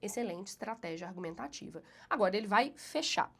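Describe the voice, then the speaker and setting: Correcting a student's essay, this medium-pitched woman teacher reads passages slowly with emphatic rises before explaining at a brisk clip. Her voice is expressive, fairly bright, and husky, and a cold leaves her a little nasal.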